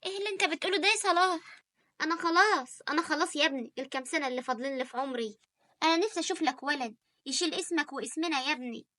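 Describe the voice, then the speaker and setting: A woman's voice: high voice, sharp tone, no room sound. A woman voicing a nagging old Egyptian mother. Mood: insistent. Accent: Egyptian Arabic. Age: older. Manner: nagging, insistent, fast. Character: grumbling elderly mother, pushy and doting. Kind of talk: animated story voice acting.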